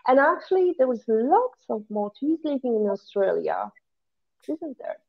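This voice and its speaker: A woman hosts a podcast with an earnest, emphatic delivery, moving from a scripted introduction into questions for her guest. Her fairly high voice comes through a thin, phone-like line. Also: big pitch swings, a little slow, vocal fry. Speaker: podcast host. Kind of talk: scripted intro then interview. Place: home office in Malta.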